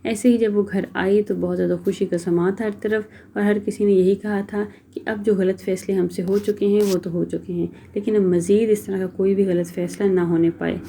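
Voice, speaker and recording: A woman storyteller reading a romance novel aloud in a steady, dramatic manner. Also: medium pitch, creaky, hardly any pauses, a little hiss or hum.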